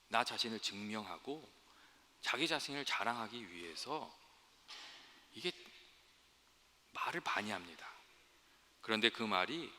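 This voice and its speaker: A man's voice: fairly low pitch, bright, forceful tone. A male pastor giving a sermon in a church, talking earnestly to the congregation and telling a fable along the way. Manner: earnest, storytelling, addresses congregation directly. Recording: long hall reverb.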